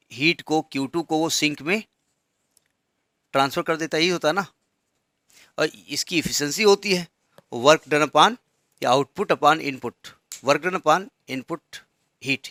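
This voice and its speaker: A man teaching a physics class in a chatty, joking way, and slowing down to dictate notes. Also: a little high, pushed and bright, dry recording, clean studio sound. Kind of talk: classroom lecture.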